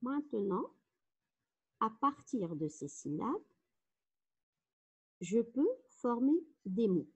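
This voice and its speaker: Slow, deliberate woman teaching phonics. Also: a little high, very animated, a little mellow. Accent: Moroccan French. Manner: spells out letters and syllables slowly and clearly. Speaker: primary school teacher. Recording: dull, lo-fi recording.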